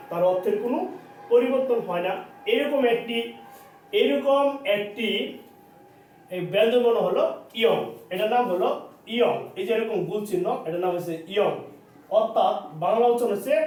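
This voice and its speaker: A man with a Bangladeshi Bengali accent teaching a language class, repeating phrases and sounds slowly for students to follow. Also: high voice, a little mellow. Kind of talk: classroom lesson. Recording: echoey room, mic far off, faint noise.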